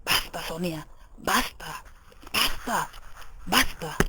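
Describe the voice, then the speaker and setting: A woman's voice: lowish voice, expressive, slow, very noisy. A woman reading the part of a tormented young male murderer in an audiobook, in a brooding, intense, questioning manner. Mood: anguished.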